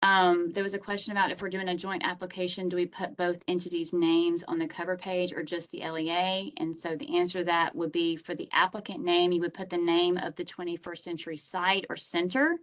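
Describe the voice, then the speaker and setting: A woman's voice: fairly low pitch, flat delivery, brisk, hardly any pauses, a bit bright, low-quality recording. A woman hosting online office hours, explaining grant application rules over a video call in a conversational, step-by-step way.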